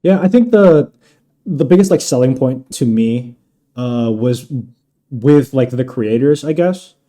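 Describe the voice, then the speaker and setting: A podcast host with a mellow, expressive mid-range voice talks a little slowly. It's a casual chat, and he rambles along using lots of fillers.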